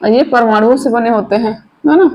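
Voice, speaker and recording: High-voiced woman teaching chemistry. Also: lo-fi sound. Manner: chatty, asks the viewers quick questions; coaxing and informal with students. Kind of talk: online video lesson.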